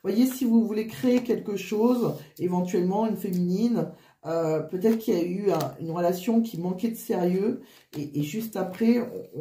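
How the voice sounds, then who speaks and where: Here a woman does an easygoing card reading in a warm, lowish voice, the sound roomy around her. The flu leaves her wheezy and breathless, so she stops and starts her phrases again and again.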